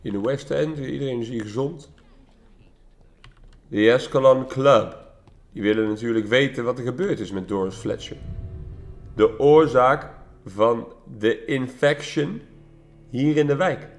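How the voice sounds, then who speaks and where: A man's voice: medium pitch, measured pace, long pauses, soft background music. A Dutch man giving casual let's play commentary, musing aloud in an offhand way.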